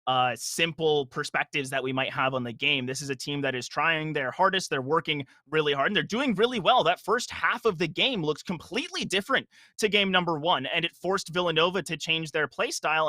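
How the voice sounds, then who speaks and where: A young man giving energetic, analytical live commentary on an esports match. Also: on the high side, fairly quick, few pauses, no echo. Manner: energetic analytical play-by-play, frequent restarts.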